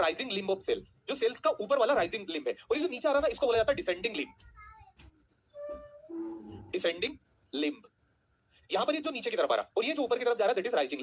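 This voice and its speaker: Guy teacher, fast and bouncy, slightly husky voice, keeps asking the class stuff then answers it. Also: very high-pitched. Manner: asks students questions then answers them himself; calls students beta, jokingly threatens them. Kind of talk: online class lecture.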